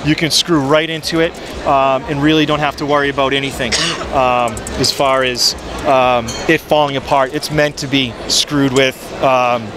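A man in his forties giving an upbeat sales pitch for his product on a handheld mic, with frequent ums, in a busy expo hall. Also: level tone, moderate pace, few pauses, a crowd in the background. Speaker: photo booth maker. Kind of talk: trade show product pitch. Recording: noisy trade show floor.

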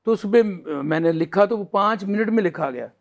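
A qawwali singer, telling a chatty anecdote as a guest on a TV show. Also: male voice, high-pitched, animated, moderate pace, creaky, muffled recording. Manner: storytelling, chatty.

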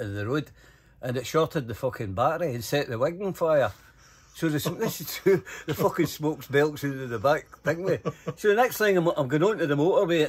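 With a slightly rough, mid-range voice, an older man with a Scottish accent relates offhand anecdotes. Swearing comes easily to him, and he animatedly acts out what everyone said.

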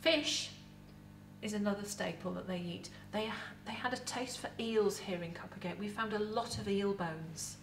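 A middle-aged woman with an English accent, a museum educator in costume, giving a lively, chatty talk to camera about food with props in an indoor set. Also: mid-range voice, normal speed, slight background noise. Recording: roomy echo, voice from a distance.

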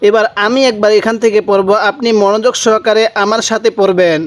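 A man teaching Quran reading, drawing out each letter slowly and prompting his viewers to answer. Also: sits high, fairly even intonation. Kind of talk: Quran recitation lesson.

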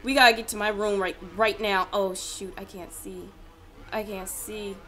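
A woman's voice: medium pitch, fairly even intonation, normal speed, a bit bright. A woman hosting a let's-play of a horror game, chatting and scolding her character aloud, sometimes dropping to a whisper. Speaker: gaming channel host.

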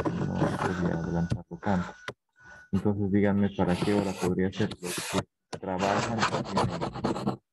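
A man with a very low voice leads a university class, explaining step by step and pausing to check that everyone follows. His recording carries a steady layer of background noise. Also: gravelly. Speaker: university teacher. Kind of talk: online class talk.

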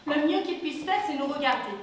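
A cheeky would-be countess. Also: female voice, high-pitched, expressive, fairly quick. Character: cheeky young woman posing as a countess. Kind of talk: film acting. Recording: echoey, distant film sound, faint noise.

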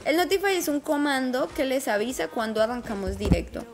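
A woman with a high, bright-pitched voice chats through a game live stream. She is talkative and affectionate and keeps greeting viewers by name. Soft music plays faintly underneath. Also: lively intonation, a little fast. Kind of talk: casual live-stream chat while playing.

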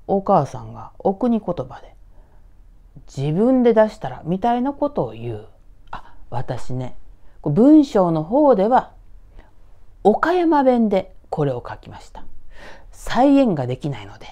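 Brief: woman ghost-story teller from Tokyo, unhurried and low-key, dark tone, frequent whispers. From Tokyo, Japan. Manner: slow and hushed, often dropping to a whisper. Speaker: ghost story author and narrator.

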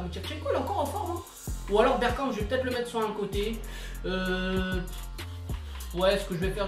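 A man commentating his own football video game match in casual slang, excitable and bursting into shouts at big moments. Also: high-pitched. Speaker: gaming YouTuber. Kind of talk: live gameplay commentary. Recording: roomy, distant mic, music behind.

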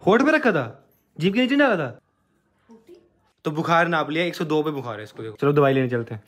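A man's voice: on the high side, animated, a little fast, fairly bright tone. A young man filming a casual home vlog, patiently coaxing and explaining things to a sick child. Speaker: vlogger. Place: family home.

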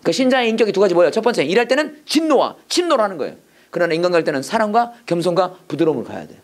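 A middle-aged man races through a Bible and English lesson in a high-pitched, sing-song voice. He lectures emphatically and preachily, drilling phrases so students can repeat them back in call-and-response.

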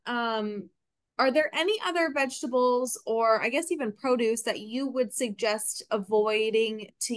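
A woman's voice: fairly high pitch, a bit bright, no echo. A young adult woman moderating a Q&A, reading audience questions politely with some hesitation, over a video call. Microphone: video call webcam.

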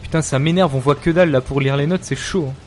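A man's voice: a little high, fast talker, music in the background. Jumpy, cursing French streamer man. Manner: excitable, swears and laughs often, jumpy. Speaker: streamer playing horror games. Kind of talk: casual live-stream commentary.

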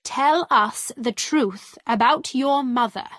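A woman voicing a stern male judge who asks questions slowly in a storybook. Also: high-pitched, fairly bright tone, no echo, studio quality. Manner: slow, measured questioning.

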